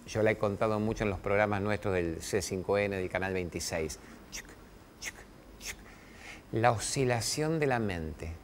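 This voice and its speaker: A middle-aged man with an Argentine accent hosting a TV talk show, giving a motivational spiritual talk to camera with emphatic, preachy delivery and long pauses on key words. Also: fairly low pitch, a little hiss or hum. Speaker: TV show host. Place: TV studio with camera crew.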